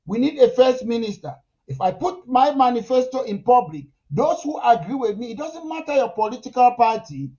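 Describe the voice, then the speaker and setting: A man's voice: very high-pitched, warm tone, dull audio. A man from Cameroon, a political guest pressing his points insistently in a heated talk show debate.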